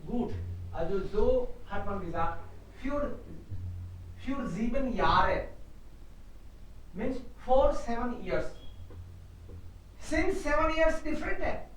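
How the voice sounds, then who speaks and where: A woman's voice: on the high side, animated, slow, long pauses. A woman teaching German online, encouraging students and calling on them one by one. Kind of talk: online class, mixing German, English and Hindi. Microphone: video call. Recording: echoey, distant video-call audio with faint noise.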